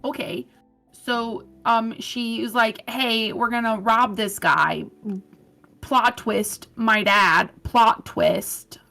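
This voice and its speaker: Woman gamer, sarcastic and blunt, kinda high gravelly voice. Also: fairly even intonation, slow pace, sharp tone, faint music behind. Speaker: player. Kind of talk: in-character tabletop play.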